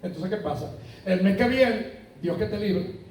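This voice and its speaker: Speaking at an ordinary pace, this high-voiced man has a slightly mellow tone and a Puerto Rican accent as he delivers a sermon in a church sanctuary. He questions the congregation and shares anecdotes, heard from a distance in an echoey space with a little hiss or hum.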